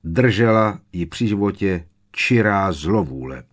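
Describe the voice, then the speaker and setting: A man's voice: low-pitched, animated. A man voicing an irritable, scornful grown man who talks sharply and impatiently, in an audiobook.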